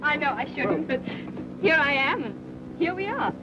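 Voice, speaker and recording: An actress playing a spirited, teasing young fiancée in a 1930s film. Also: female voice, sits high, lively intonation, measured pace, over loud music. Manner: teasing, determined. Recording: dull old film soundtrack with hiss.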